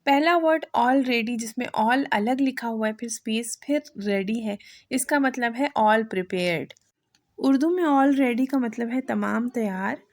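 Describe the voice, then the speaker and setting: Lady teacher, kinda high voice, talks real slow and careful, dry close mic. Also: dry recording. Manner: slow, deliberate, reads example sentences even more slowly; repeats "theek hai" to check understanding. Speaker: English teacher. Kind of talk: recorded vocabulary lecture.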